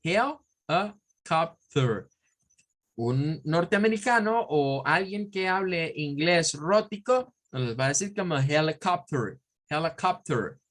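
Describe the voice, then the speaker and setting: Male teacher, Spanish speaker, unhurried pace, patient drill-style explanations with repeated words. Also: high-pitched, expressive, fairly bright tone. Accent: Central American Spanish. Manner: looks up words in an online dictionary as he talks. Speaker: English teacher. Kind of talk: online pronunciation lesson.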